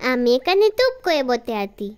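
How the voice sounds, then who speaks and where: A woman's voice: high-pitched, normal speed. Woman doing a chirpy little girl. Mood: excited. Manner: excitable, chirpy. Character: excited little girl, younger sister. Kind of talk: doll cartoon voice acting.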